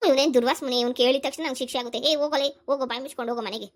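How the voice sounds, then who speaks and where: A woman voicing a hurt, defiant schoolgirl in a cartoon, with a high, whiny, tearful voice. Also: steady tone, racing. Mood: bickering. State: crying. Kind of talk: cartoon voice acting.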